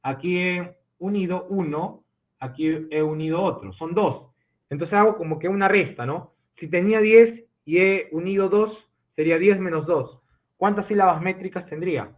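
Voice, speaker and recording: A male literature teacher giving an online class, explaining step by step and checking understanding with quick questions. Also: high voice. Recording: tinny phone-like audio from an online call.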